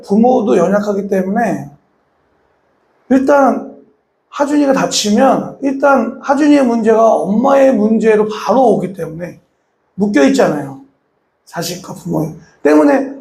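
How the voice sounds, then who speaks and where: A man's voice: high-pitched, vocal fry, a little mellow, echoey room. A male pastor preaching a sermon, throwing rhetorical questions to his congregation and acting out voices.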